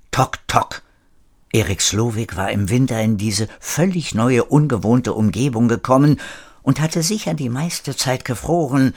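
A man narrating a story in a measured, scripted way. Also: mid-range voice, vocal fry. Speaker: audiobook narrator.

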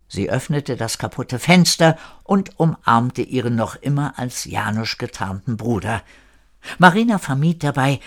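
A man narrates an audio drama story to a listener. His pitch swings widely as he tells it, keeping the telling lively. The voice sits at a middling pitch for a man.

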